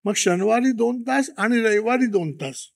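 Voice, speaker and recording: A man telling lively anecdotes in an interview, acting out quotes from parents and children and laughing often. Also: extremely high pitch, moderate pace, vocal fry. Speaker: children's author and interview guest. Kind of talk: storytelling interview talk.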